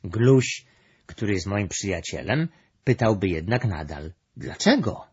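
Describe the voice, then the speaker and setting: A man's voice: on the low side, expressive, measured pace, a little mellow, breathy edge, exaggerated voice. Brąba, a man voicing a pondering female creature. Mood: explaining. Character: calm, thoughtful female storybook creature. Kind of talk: storybook reading. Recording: dull lo-fi recording.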